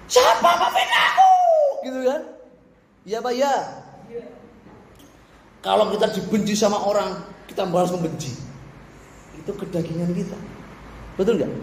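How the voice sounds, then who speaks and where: Male pastor, forceful sermon delivery with loud and soft turns, faint room noise. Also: sits high, echoey room, low-quality recording. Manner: preaching with shifts between shouting and soft asides. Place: church.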